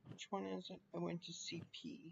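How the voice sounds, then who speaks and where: A man streaming a train simulator in casual live chat, thinking aloud and chatting with viewers between pauses. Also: sits high, monotone, gravelly. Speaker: livestreamer playing a train simulator. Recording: dull lo-fi stream audio with faint noise.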